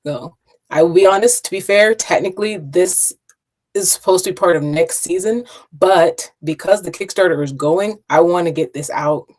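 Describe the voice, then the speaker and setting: A woman hosting a casual interview over a video call, animated and chatty. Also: on the low side, moderate pace. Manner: animated, chatty, laughs often. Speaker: podcast host.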